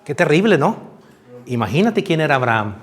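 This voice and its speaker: A man's voice: fairly high pitch, sing-song, fairly quick, husky. A man preaching, retelling a Bible story dramatically and speaking straight to the listener. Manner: addresses listener directly, acts out figures.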